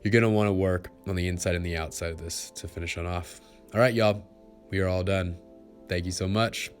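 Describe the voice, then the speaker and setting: Male fitness instructor, very deep voice, relaxed encouraging delivery, light background music. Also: fairly quick. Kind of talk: follow-along exercise instruction. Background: faint background music.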